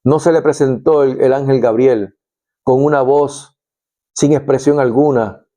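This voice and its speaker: Man, devotional teacher, unhurried and warm-toned, lively storytelling delivery. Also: mid-range voice. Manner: animated storytelling, acts out scenes. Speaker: preacher.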